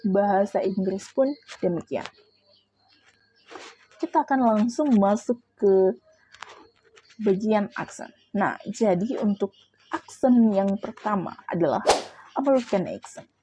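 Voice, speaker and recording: A woman's voice: mid-range voice, expressive, measured pace, pauses often, dark tone, slight background noise, poor audio. A woman reading out a prepared class presentation, explaining step by step with brief asides to her listeners. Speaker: student presenter.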